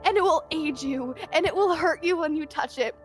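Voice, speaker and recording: A woman's voice: sits high, moderate pace, soft background music, lightly acted. A woman playing a scared, desperate teenage girl who pleads raw and swears. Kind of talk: tabletop role-play.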